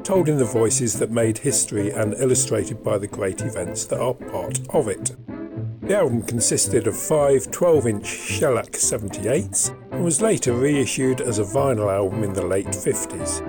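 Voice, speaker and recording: A podcast host reads a scripted introduction for his show in a mid-range voice.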